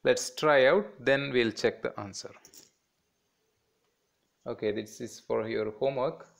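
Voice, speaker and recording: A man teaching a children's lesson, slowly sounding out words one by one to show their syllables. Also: mid-range voice, gravelly. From India. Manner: very slow, stretching out each word to model syllables.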